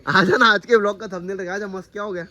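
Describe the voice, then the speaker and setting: This vlogger has a high-pitched, bright, forceful voice, talks fast, and keeps a steady tone. He's a man hosting a relaxed family vlog at temples and outdoors, chatty and addressing his audience as "guys."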